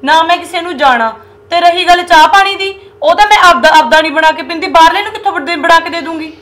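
A woman's voice: very high-pitched, fast talker, fairly bright tone. An actress playing a defiant young daughter-in-law with a Punjabi accent who talks back to her in-laws. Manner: defiant, retorting.

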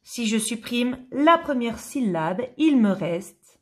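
Very slow-speaking woman teacher. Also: on the high side, animated. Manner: slow, carefully articulated syllables, repeating each word. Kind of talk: slow phonics lesson for young children.

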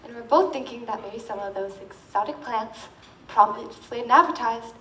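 A woman's voice: a little high, normal speed, bright, forceful tone. A woman on stage playing a sweet, naive young female flower shop assistant, recorded from the audience in a theatre. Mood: hopeful. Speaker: stage actor. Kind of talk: stage musical theatre dialogue. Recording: distant echoey theatre, faint noise.

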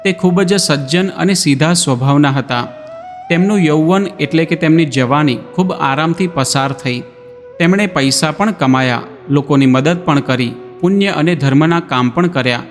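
A man narrating a scripted moral story in a measured way, speaking to listeners as friends. His voice is a little high. A long reverb trails each phrase, with music playing underneath.

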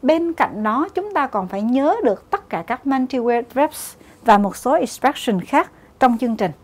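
A woman's voice: high voice, animated, moderate pace. A woman with a Vietnamese accent working through English exam questions in Vietnamese, explaining each answer step by step. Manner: methodical, mixes English terms into Vietnamese explanations. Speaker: English exam prep teacher.

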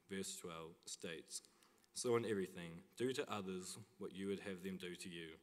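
A student speaker with a low voice delivers a prepared address from his notes. He sounds earnest and stumbles now and then. The lectern mic picks him up in a large chapel with a long reverb. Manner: earnest, reads from notes with small restarts.

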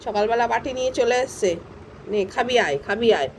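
A woman's voice: on the high side, animated, brisk. A woman voicing her young male pet dog, who sulks and complains about being woken early. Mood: sulky. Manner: sulky, complaining. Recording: traffic noise behind.

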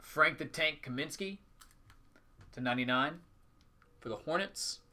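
A man's voice: fairly high pitch, unhurried, sharp tone. A man hosting a live trading card break, calling out items in short, clipped announcing phrases. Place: indoors at a tabletop with a display backdrop.

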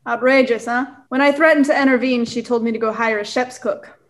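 A young woman playing a blustering, boastful gentleman squire in a radio play, pompous and excitable. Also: a little high, brisk, natural voice. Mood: indignant, jovial. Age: young adult.

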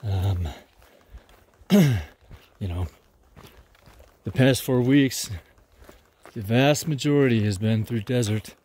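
A man's voice: mid-range voice, takes it slowly, long pauses, a little mellow, breathy edge. A man vlogging casually on a forest trail, rambling with many fillers. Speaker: thru-hiker vlogger.

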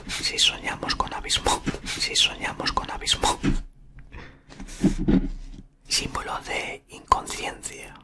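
A man in his thirties reads from a book in a breathy ASMR whisper, murmuring haltingly very close to the microphone. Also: sharp tone. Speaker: ASMR content creator. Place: small room indoors. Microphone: desktop condenser microphone, very close.

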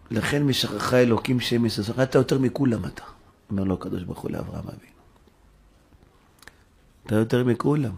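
A man giving a sermon as a rabbi in a synagogue, preaching in an animated way and acting out dialogue with sudden high-pitched exclamations. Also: breathy edge.

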